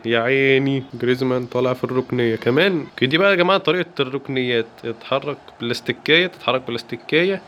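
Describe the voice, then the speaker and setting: A man with an Egyptian accent giving excited, playful commentary while playing a football video game. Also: medium pitch, a little hiss or hum. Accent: Egyptian Arabic. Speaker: gaming YouTuber. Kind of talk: live gameplay commentary.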